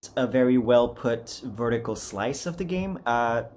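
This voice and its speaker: A man who is an amateur voice actor and video host chats casually and unscripted in a vlog, rambling in an apologetic, self-deprecating way. His medium-pitched voice has lively intonation, a normal speed, and a darkish tone.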